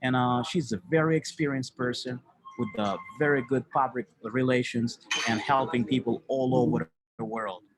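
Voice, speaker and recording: A mid-pitched man from Haiti presents a live online webinar. He talks in a loose, chatty way, padding his lines with fillers. The sound comes through a computer mic. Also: steady tone, moderate pace, rough recording. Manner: loose and chatty, many fillers like "you know".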